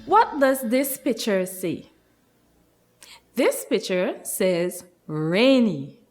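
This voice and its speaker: Female kids show host and nursery teacher, very animated delivery, unhurried, encouraging, leaves room for answers. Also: medium pitch, faint music behind. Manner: slow, encouraging, sing-song questions with pauses. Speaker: nursery teacher hosting a children's lesson. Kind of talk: kids show host addressing young children.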